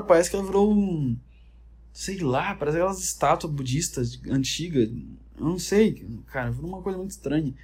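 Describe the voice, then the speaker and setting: A man's voice: a little high, a little mellow, breathy edge. A man with a Brazilian Portuguese accent rambling through comedic, profane reality-show commentary. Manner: rambling, profane, jokey storytelling. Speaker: vlogger.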